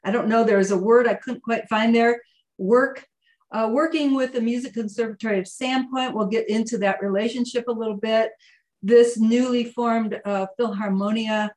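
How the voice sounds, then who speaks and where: A woman hosting an interview on a video call, introducing her guests in a friendly, upbeat way. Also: a little high. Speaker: interviewer host.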